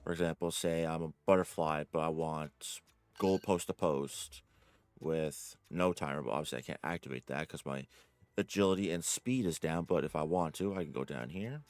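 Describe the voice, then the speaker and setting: A man with a bass voice and a darkish tone talks at normal speed with no room sound. He's a gaming guide creator recording a casual, rambling game tutorial in a room at home, often correcting himself and filling gaps with "like" and "uh."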